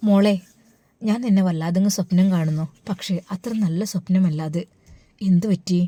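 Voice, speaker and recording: A woman's voice: lowish voice, steady tone, normal speed, dark tone, no room sound, natural voice. A woman doing a tender anxious older mother. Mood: worried. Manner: tender, pleading, affectionate. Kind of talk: storybook dialogue.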